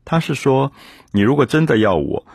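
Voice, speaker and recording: A man's voice: mid-range voice, sing-song, normal speed, vocal fry, husky, dry recording, studio quality. A man lecturing on a classic novel in an earnest, musing way, stressing key words as he explains. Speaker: literature lecturer. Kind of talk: reflective literary lecture.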